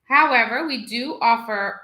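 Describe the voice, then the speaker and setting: A woman who grew up in Guyana hosts a live immigration question session from her office over a video call. Her voice is bright and forward, and she answers viewers in a brisk, practical way. She slows down and stresses each digit when she repeats the contact numbers. The room has a noticeable echo. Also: a little high. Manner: brisk, repeats phone numbers slowly and emphatically. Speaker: immigration lawyer hosting a live Q&A. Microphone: video call setup.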